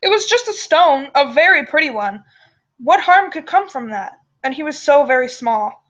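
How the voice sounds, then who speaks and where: A woman's voice: high voice, big pitch swings, normal speed, a bit bright. A woman storyteller reading a first-person tale aloud on a dull, lo-fi microphone. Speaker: storyteller and show host.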